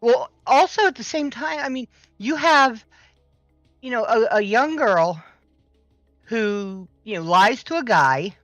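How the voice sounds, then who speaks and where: A woman's voice: on the high side, animated, slow pace, dry recording, faint music behind. A woman in casual conversation, speaking hesitantly with many "you know"s. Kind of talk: casual chat.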